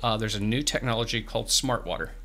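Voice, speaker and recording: In a small radio studio, a fifty-something farm bureau representative joins as a guest and explains programs earnestly, restarting his words often. His voice is lowish, fast, pushed, and bright. He uses a studio microphone on a boom arm and wears headphones.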